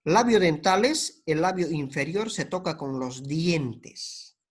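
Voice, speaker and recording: A male lecturer with a slightly high voice teaches linguistics. He explains patiently, spells out letters one by one, and keeps checking in with tag questions. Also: slow, husky.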